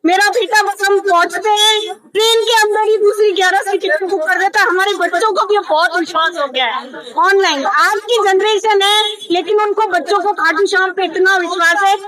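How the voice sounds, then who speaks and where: High-voiced earnest woman. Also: moderate pace, sharp tone, rough recording. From Jodhpur, Rajasthan. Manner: earnest and emotional, repeating her phrases. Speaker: devotee interviewed at a temple. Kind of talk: street interview.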